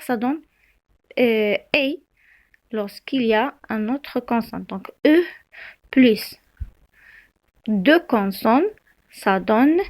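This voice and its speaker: A woman teacher, explaining spelling slowly, with frequent fillers and self-corrections. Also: fairly high pitch. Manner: slow, halting, many fillers and self-corrections. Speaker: French teacher. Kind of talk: spelling lesson.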